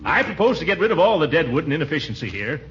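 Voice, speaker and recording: An actor playing a pompous, blustering middle-aged small-town official and uncle, flustered and exclaiming in 1940s radio comedy style. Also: male voice, a little high, very animated, very fast, fairly bright tone. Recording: dull, noisy vintage radio recording.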